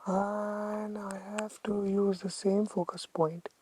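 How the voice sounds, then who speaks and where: A woman with a North Indian accent talking casually as a photography vlogger, haltingly thinking aloud. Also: medium pitch, level tone, dark tone, slight background noise. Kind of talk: casual vlog talk to camera.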